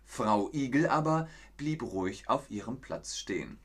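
A man's voice: medium pitch, expressive, a little slow, breathy edge. A man teaching German on a live stream, reading a fairy tale aloud, explaining words and greeting viewers from the chat. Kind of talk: slow storytelling lesson with chat replies.

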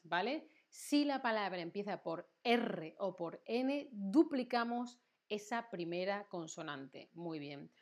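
Slow, patient teacher woman. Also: medium pitch. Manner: patient, slow, repeats words to drill them. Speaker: Spanish teacher. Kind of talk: livestream grammar lesson.

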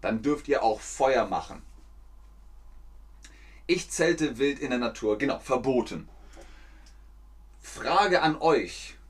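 Slow, animated male German teacher. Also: mid-range voice, breathy edge. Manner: slow, simple and repetitive for learners. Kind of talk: livestreamed language lesson.

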